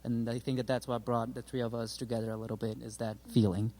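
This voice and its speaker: A man's voice: medium pitch, level tone, fast, dark tone. Man, Brazilian accent, mid voice, thoughtful, rambling. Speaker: playwright. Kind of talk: casual interview talk.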